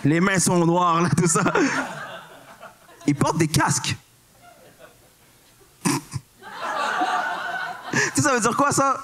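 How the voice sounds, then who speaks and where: A man's voice: high-pitched, expressive, takes it slowly, long pauses, sharp tone. Slangy young Québécois man doing stand-up. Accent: Québécois French. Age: 20s. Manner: slangy, mixes English words, keeps asking "tu comprends?". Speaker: stand-up comedian. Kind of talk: stand-up comedy set. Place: comedy club stage.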